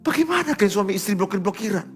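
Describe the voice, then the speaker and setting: A middle-aged male pastor preaching a sermon, swinging between loud urgent exhortation and soft, confiding asides. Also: high voice, sing-song, fast talker, faint music behind.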